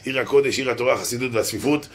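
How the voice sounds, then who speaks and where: A man, a rabbi doing a stand-up comedy routine on stage, animated, jumping to loud exclamations and breaking into chanted snatches. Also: mid-range voice. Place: stage before a live audience. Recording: live audience laughter and crowd noise.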